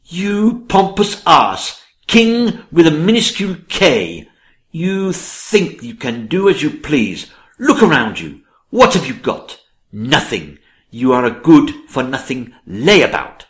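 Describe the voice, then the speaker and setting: An actor playing a sharp-tongued, mocking member of a king's household in a theatrical comedy, scornful and teasing. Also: a little high, big pitch swings, slow pace. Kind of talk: theatrical rhyming comic drama. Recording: roomy, echoing sound.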